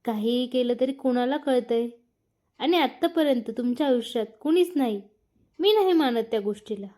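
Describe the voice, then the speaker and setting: A woman's voice: sits high, animated, moderate pace, mellow. A woman voicing a young wife who is hurt and accusing, read as a storybook. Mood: angry. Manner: accusing, emotional. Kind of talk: storybook narration.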